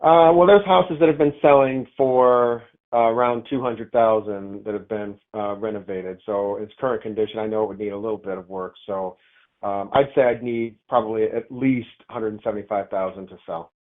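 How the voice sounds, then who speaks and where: A man with a lowish, steady voice talks at a moderate pace during a casual phone call about his property, relaxed and hesitant as he thinks aloud. The recording has a narrow, tinny phone-line quality.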